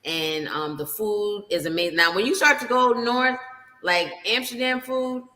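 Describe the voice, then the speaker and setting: A woman chatting casually as a guest, informal and blunt, pausing in the middle of her thoughts. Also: mid-range voice, bright, forceful tone. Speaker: guest on a live session. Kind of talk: casual chat.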